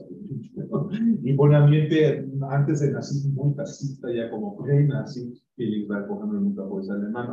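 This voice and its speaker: A man's voice: mid-range voice, dark tone. Man giving a rambling academic talk from afar. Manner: digressive, frequent tag questions and restarts. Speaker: book presenter at an academic conference. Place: university venue. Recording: roomy, distant, dull live-stream audio.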